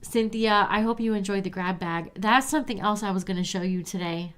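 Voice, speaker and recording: A woman's voice: mid-range voice, a little fast, a bit bright, smooth. A woman with a stuffy, nasal voice hosting a live crafting stream, chatting with viewers and answering their comments. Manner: chatty, talks straight to viewers as "you guys".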